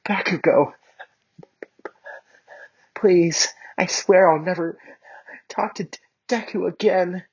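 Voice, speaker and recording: A man voicing a flustered young woman in a squeaky, exaggerated falsetto. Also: fairly even intonation, slow, long pauses, husky, muffled recording, heavily acted. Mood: breathless.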